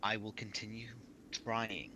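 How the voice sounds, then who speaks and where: Man voicing a slow, menacing, snarling dragon villain. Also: on the low side, level tone, background noise, natural voice. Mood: slow menace. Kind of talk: tabletop role-play.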